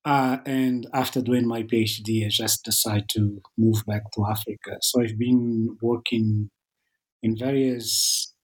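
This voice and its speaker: A middle-aged man with an Angolan accent answers interview questions as an academic guest, haltingly, often repeating words. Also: fairly low pitch, level tone, husky, rough recording. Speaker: academic author, podcast guest.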